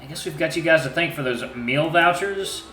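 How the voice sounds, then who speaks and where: A man's voice: on the high side, normal speed, bright, forceful tone, echoey room, voice pushed up. A man voicing a brash, mischievous young male friend in a story, talking in casual slang. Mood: casual, advising.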